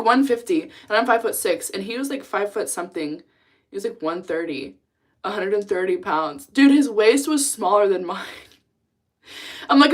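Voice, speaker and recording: A young woman from the United States chatting casually on a live stream, blunt and talkative, laughing often as she reads the chat aloud. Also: mid-range voice. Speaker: livestreamer.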